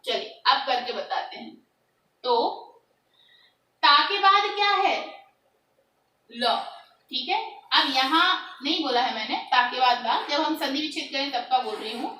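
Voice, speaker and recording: A woman with a high voice teaches a grammar lesson, moving slowly through each step. She puts questions to her students and answers them herself. She sounds a little far off, with room echo around her. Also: expressive, bright, forceful tone. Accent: Hindi.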